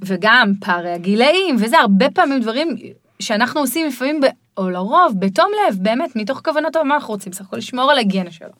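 A middle-aged woman guiding parents in a podcast conversation, explaining in a lively way and sometimes mimicking children's voices. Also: a little high, no room sound, studio quality. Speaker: parenting guide.

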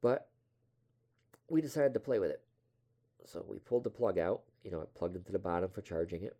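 A man's voice: deep voice, expressive, brisk, mellow. A young man casually telling a rambling story from his past, offhand and self-deprecating, swearing now and then.

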